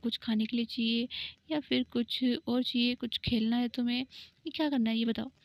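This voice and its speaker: Woman doing a brisk, flustered young woman. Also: a little high, fairly even intonation, gravelly, no room sound. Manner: brisk, scolding. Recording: dull lo-fi recording.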